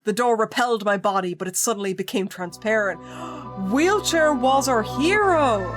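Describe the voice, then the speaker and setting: A female streamer narrates a spooky visual novel calmly, then bursts into jokey, excitable reactions, with music playing underneath. Her voice is a little high and her pace normal.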